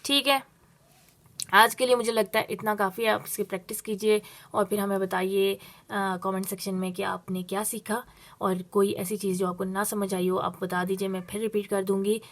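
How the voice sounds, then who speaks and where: A woman teaching a Spanish lesson, explaining step by step and drawing out her Spanish examples slowly. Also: medium pitch, flat delivery. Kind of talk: spoken language lesson.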